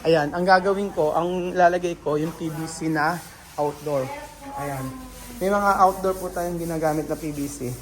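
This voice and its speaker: A man's voice: fairly high pitch, steady tone, normal speed, crowd noise, low-quality recording. Filipino man, casual vlogger, rambling and filler-heavy, people chattering behind. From Philippines. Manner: chatty, thinks aloud with many fillers and restarts. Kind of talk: casual vlog commentary to viewers. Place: house under renovation.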